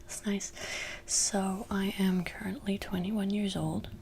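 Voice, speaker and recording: In a lamp-lit room at home, a twenty-something ASMR creator from France whispers a meandering, self-mocking chat into a desktop USB microphone. Her mid-range voice is gravelly and darkish, level in tone and slow, with slight background noise.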